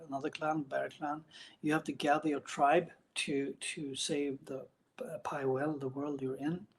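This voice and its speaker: A man chatting casually and unscripted as a vlogger about his hobbies, speaking in a hesitant, halting way with broken phrases. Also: on the high side, slight background noise, low-quality recording. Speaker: book and gaming vlogger. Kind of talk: casual unscripted video chat about reading and games.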